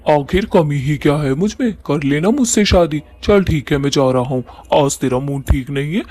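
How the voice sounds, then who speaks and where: A man's voice: a little high, moderate pace, a little mellow, close to an everyday voice. Man doing a cheeky, persistent young suitor. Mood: teasing.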